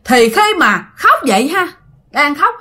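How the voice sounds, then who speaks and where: Woman storyteller, Southern Vietnamese accent, bright and animated, dramatic and chatty with listeners. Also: high-pitched, unhurried. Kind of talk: casual ghost story telling.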